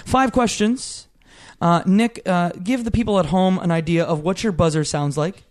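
High-voiced animated podcast host. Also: male voice, fairly quick, noisy background. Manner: animated, drifts into a game-show host voice. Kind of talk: casual gaming podcast chat.

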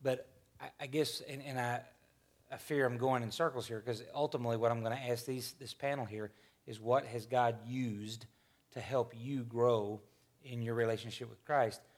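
Fifties guy hosting a church panel chat, folksy, rambles and restarts a lot, middle pitch. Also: steady tone, normal speed. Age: 50s. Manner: rambling, self-correcting, folksy. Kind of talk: casual church discussion.

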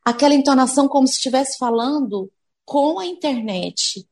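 A speech therapist with a high, animated, somewhat dark voice answers interview questions at a normal speed. She explains things patiently and acts out what parents and children say.

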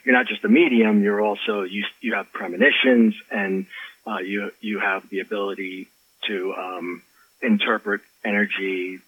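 A man's voice: lowish voice, moderate pace, husky, no echo. A man, an author and life coach, telling a personal story in an interview, with lots of restarts and acted-out quotes. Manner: animated storyteller, acts out quotes, many restarts. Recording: slightly dull lo-fi audio.

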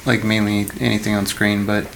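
A man chatting on a podcast in a halting way, with many fillers and pauses. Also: fairly low pitch, flat delivery, creaky, a bit bright, slight background noise. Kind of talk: casual chat.

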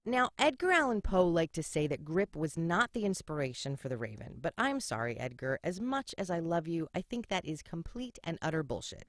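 A woman's voice: on the low side, very animated, fairly quick, few pauses, no echo, studio quality. A middle-aged woman from Philadelphia hosting a history podcast, narrating in a sarcastic, irreverent way and swearing casually. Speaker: podcast host.

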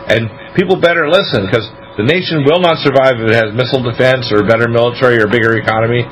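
A man's voice: medium pitch, fast talker, a bit bright, rough recording. An American man hosting religious talk radio, talking at length and emphatically, stretching out key words as he preaches. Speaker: radio talk show host, doctor. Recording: radio broadcast with faint noise.

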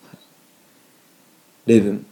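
A young man with a Kansai accent teaching Japanese phrases in a relaxed, chatty lesson, full of fillers. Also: extremely slow. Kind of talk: casual language lesson.

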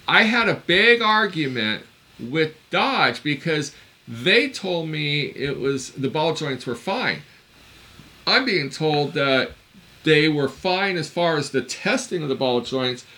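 A man's voice: on the high side, pushed and bright. A man in his fifties, a certified mechanic and podcast co-host, telling a long story in a blunt, exasperated way and swearing now and then. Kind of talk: casual podcast chat.

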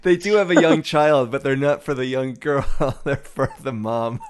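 A man's voice: medium pitch, a little slow, smooth. A man co-hosting a casual comedy podcast, making wry sarcastic remarks and laughing often. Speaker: podcast co-host.

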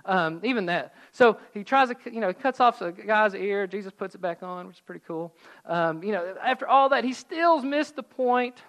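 A middle-aged man preaching a sermon, telling the story in a lively, joking way with asides, and reading scripture slower and softer. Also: high-pitched, rough recording. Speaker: pastor.

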